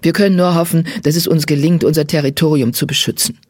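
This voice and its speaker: A reader voicing a broad-shouldered grey tomcat who leads patrols and speaks calmly. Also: mid-range voice, fast talker, no echo, studio quality, close to an everyday voice. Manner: calm and composed.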